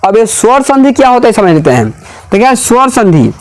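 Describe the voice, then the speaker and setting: A man's voice: very high-pitched, big pitch swings, brisk. A man teaching a grammar lesson in a classroom, asking questions again and again and repeating the answers.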